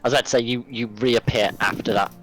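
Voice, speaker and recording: A man as game master giving brisk rulings with frequent restarts. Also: mid-range voice, steady tone, a bit bright, poor audio. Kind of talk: running a tabletop game over a call.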